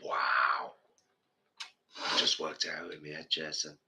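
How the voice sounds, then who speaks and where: An Englishman in his fifties co-hosts a live stream, chatting casually and spinning rambling, animated stories despite a cold that leaves him a bit bunged up. His voice is extremely low in pitch and a little slow.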